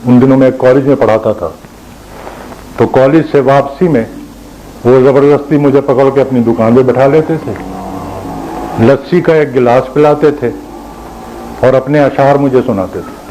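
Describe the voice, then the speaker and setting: Older male lecturer, mellow tone, measured questioning delivery, faint noise behind. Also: mid-range voice, rough recording. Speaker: former college principal and teacher. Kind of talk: lecture with anecdotes.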